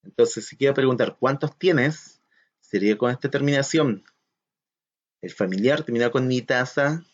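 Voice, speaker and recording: Male schoolteacher, patient and questioning, middle pitch, lo-fi recording. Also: moderate pace. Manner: patient, counts aloud and asks questions to the class. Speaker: teacher. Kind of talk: recorded classroom lesson. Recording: slightly dull lo-fi audio.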